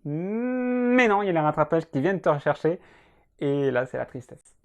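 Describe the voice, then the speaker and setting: A man's voice: on the high side, quick pace, gravelly, a little mellow, muffled recording. A young man in casual commentary, reacting to student jokes as a law teacher, chatty and self-mocking, with many fillers. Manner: chatty, self-mocking, frequent "euh" and "hein".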